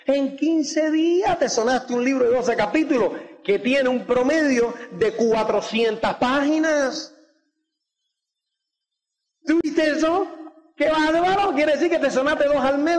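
A man with a very high-pitched voice gives a motivational talk to a seated audience. He keeps throwing in quick tag questions to check that his listeners follow. The recording carries the long, lingering reverb of a large hall. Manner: peppers speech with tag questions like "do you get it?"; acts out quoted dialogue. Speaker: motivational speaker.

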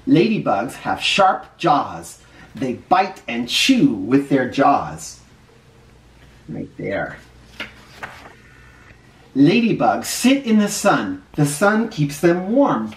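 Reading a picture book to young children, this middle-aged first grade teacher keeps his explanations simple and stresses the important words. He speaks at a medium pitch, very animated yet extremely slow, pausing often. The recording comes from a camera mic set a little way off, giving a roomy feel.

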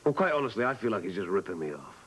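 A man's voice: lowish voice, sing-song, very fast, fairly bright tone, husky, heavily acted, poor audio. A man acting in a daytime soap opera as a husband and club owner who sounds defensive, evasive and pleading.

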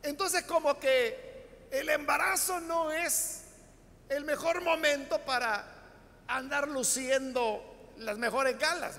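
A man's voice: very high voice, bright, forceful tone, long reverb tail. A man with a Salvadoran accent, preaching a Bible study sermon and explaining the text to his congregation with frequent rhetorical questions. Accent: Salvadoran Spanish. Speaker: pastor.

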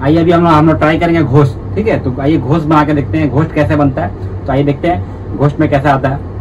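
A man's voice: a little high, steady tone, fast talker. A man hosting a casual hookah how-to, talking in a repetitive, chatty way and addressing viewers as brothers. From India. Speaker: hookah tutorial host. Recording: distant, dull audio with background noise.

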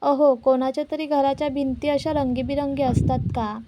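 A woman's voice: sits high, steady tone, normal speed, noisy background, lightly acted. A woman reading the lines of a cheerful, hopeful young wife with an eager, upbeat manner.

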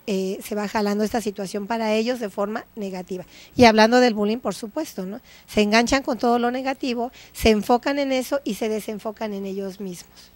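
A woman with a Mexican accent and a medium-pitched, slightly mellow voice appears as a guest psychologist on an educational TV show. She explains things didactically and keeps checking in with her listeners through tag questions.

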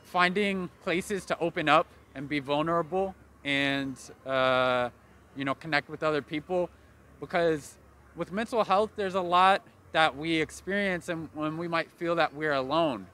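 A young man with a bright, slightly high voice who speaks sincerely and openly. He answers outdoors on a street into a handheld microphone. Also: a little slow. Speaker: passerby. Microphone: handheld mic.

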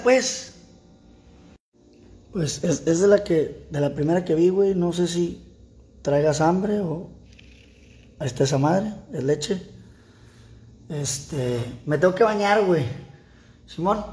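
A young man with a Sinaloan Mexican Spanish accent vlogs casually at home during rain, nursing a sore throat and talking crudely but kindly to stray cats. His voice is on the high side with a darkish tone, animated, measured, and full of pauses.

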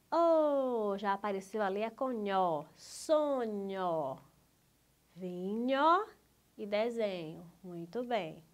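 A woman with a Brazilian Portuguese accent teaching a patient, drawn-out lesson for young schoolchildren. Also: mid-range voice. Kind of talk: slow, clear school lesson for young children.

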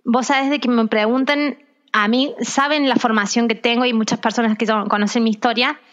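A woman with an Argentine Spanish accent speaks in a fairly high voice, earnest and reflective, and often circles back over her own words. The audio is a little dull and muffled, as if it came over a remote call. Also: steady tone, a little fast, a bit bright. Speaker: guest, kinesiologist and trainer. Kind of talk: casual podcast conversation.

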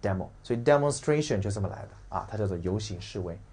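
Blunt, husky-voiced male vocabulary teacher. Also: on the low side, expressive, mellow. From China. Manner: brash and blunt, swears casually, mocks and rants mid-lesson; drills spellings and stress slowly, repeating key words. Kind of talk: recorded exam-prep vocabulary lesson.

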